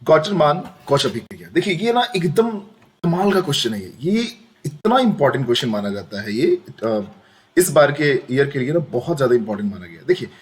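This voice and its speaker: A man's voice: mid-range voice, big pitch swings, brisk. A young man teaching a chemistry lesson in a chatty way. He repeats questions back to the students as he talks. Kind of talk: screen-recorded lesson.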